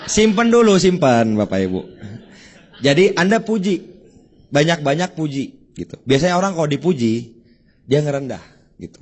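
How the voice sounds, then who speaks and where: A man's voice: a little high, sing-song, moderate pace, pauses often. A man giving a casual sales training talk who addresses his listeners directly and acts out short sample conversations. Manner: chatty, acts out sample dialogues. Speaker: network marketing trainer.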